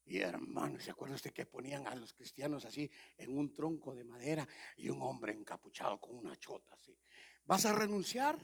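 A male pastor preaching a sermon dramatically, swinging between loud exhortation and whispers. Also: mid-range voice, a little fast, gravelly, few pauses, husky.

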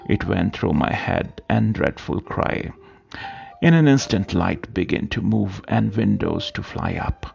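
Male reader for a period story audiobook, very gravelly and slow, dull lo-fi sound with soft music underneath. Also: lowish voice. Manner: slow, halting delivery with repeated words. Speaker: narrator.

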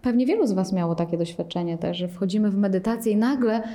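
A woman leading a meditation workshop, explaining in a lively way and acting out anxious inner voices. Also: medium pitch, fast talker. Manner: animated, acts out panicked inner voices. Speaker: meditation teacher. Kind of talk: workshop teaching.

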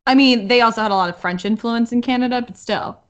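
A woman co-hosting a podcast in casual chat, reacting quickly and playfully. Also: a little high. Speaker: podcast co-host. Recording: dull lo-fi audio.

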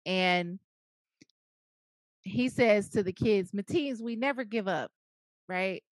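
A woman guest on an interview, telling stories in an animated, playful way and quoting herself. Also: mid-range voice, slow, dry recording. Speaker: guest, media executive. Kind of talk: interview conversation.

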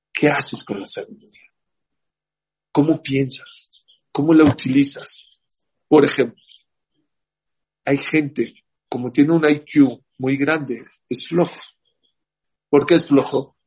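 A man's voice: a little high, slightly rough, low-quality recording. A man giving a rabbi's class, telling stories and putting questions to his listeners. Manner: storytelling, asks the class questions. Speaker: rabbi teaching a Torah class. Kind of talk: lively religious class talk.

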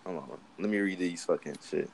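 Low-voiced man in casual slangy chat. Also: brisk, creaky, background noise. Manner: slangy, swearing, stop-and-start. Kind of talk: casual chat, reading out group messages.

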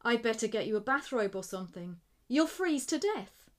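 A woman's voice: a little high, big pitch swings, normal speed. A woman reading the part of a loving young wife who is worried about her husband, speaking in anxious questions. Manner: anxious, pleading.

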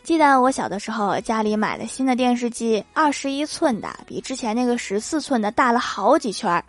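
A woman hosting a comedy show, reading jokes aloud with lively delivery and laughter between them. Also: fairly high pitch, brisk, soft background music. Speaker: host of a comedy joke show.

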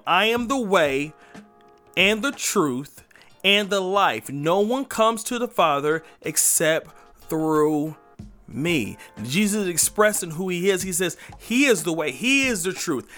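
A man's voice: high-pitched, fairly bright tone. A young man hosting his own faith podcast, speaking in an emphatic, hype, preachy manner into a podcast microphone. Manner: hype, sing-song intro then preachy, emphatic delivery. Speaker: podcast host. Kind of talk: energetic faith podcast monologue.

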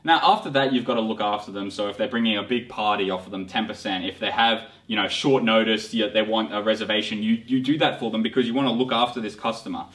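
A man's voice: lowish voice, quick pace, hardly any pauses, fairly bright tone, far from the mic. A man co-hosting a marketing podcast, talking in a rambling, enthusiastic way with frequent restarts. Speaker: podcast co-host.

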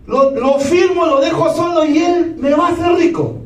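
A man with a very high voice gives a lively talk on stage and keeps pressing the audience with yes-or-no questions. He sounds far from the mic, and his voice rings around a large echoey hall. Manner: keeps asking the crowd yes or no. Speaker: motivational speaker.

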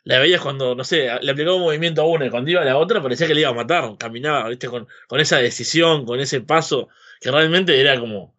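A man with a Rioplatense Spanish accent talks casually as a podcast host. His tone is sharp and bright at a medium pitch, and he rambles, checking for agreement as he goes. The microphone sounds a little lo-fi. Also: quick pace. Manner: rambling, seeking agreement with frequent tag questions. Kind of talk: casual opinionated chat about wrestling.

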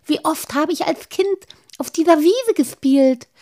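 A woman's voice: on the high side, big pitch swings, measured pace, a little mellow, husky, voice pushed up, full character voice. A woman voicing a gushing, sentimental little gnome man. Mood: rapturous. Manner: rising, gushing, wistful. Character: dreamy excitable male gnome, sentimental.

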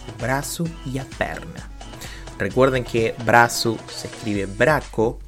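A man with a Rioplatense accent teaching a casual video lesson, playful and jokey, repeating words slowly. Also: fairly low pitch, a bit bright. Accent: Rioplatense Spanish. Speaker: Portuguese teacher.

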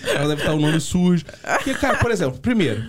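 A man tells a story on a laid-back comedy podcast. His voice sits a little high and swings widely in pitch, and he chuckles as he talks. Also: quick pace, over a noisy crowd. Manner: animated storyteller, laughs through his lines. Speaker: podcast co-host. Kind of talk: casual comedic podcast chat.

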